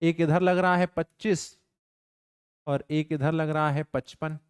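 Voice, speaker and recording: A man's voice: on the high side, fairly even intonation, takes it slowly, clean tone, dry recording, studio quality. A young man teaching physics in a live online class, mixing stern banter with his students into worked problems. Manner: playful, scolding students in banter.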